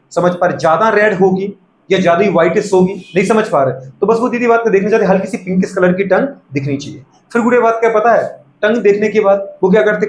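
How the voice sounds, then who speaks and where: A man teaching a lecture, constantly checking whether the students follow and repeating a filler phrase. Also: high voice. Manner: keeps asking students if they follow and calls them "beta". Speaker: medical entrance teacher. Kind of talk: classroom-style lecture. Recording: echoey room with faint background noise.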